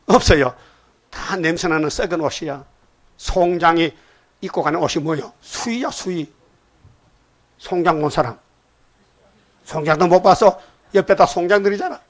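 A man's voice: fairly high pitch, moderate pace, long pauses. A man preaching a sermon, emphatic and prodding his listeners with repeated questions.

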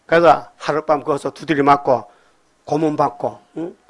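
An older man preaching a sermon to his congregation, rambling from story to story and prodding the listeners with quick questions. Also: a little high, steady tone. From Gyeongsang Province, Korea. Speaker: pastor.

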